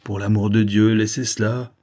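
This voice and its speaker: A man voicing a gruff, impatient older statesman laid up with gout, in an audiobook. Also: on the low side, little pitch movement, normal speed, mellow, lightly acted. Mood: grumpy. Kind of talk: audiobook character voice.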